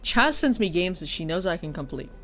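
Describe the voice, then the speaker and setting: Very animated and fairly quick, this woman's somewhat low, slightly bright voice carries a stuffy nose as she chats on her stream. A streamer and teacher, she's talkative, swears, and pokes fun at herself, over a little hiss or hum.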